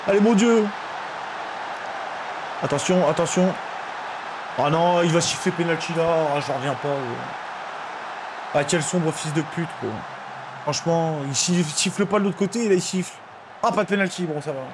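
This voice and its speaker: Young male streamer, high-pitched, excitable game commentary with outbursts, faint background noise. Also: moderate pace, long pauses. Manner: excitable, swings from shouting to muttering.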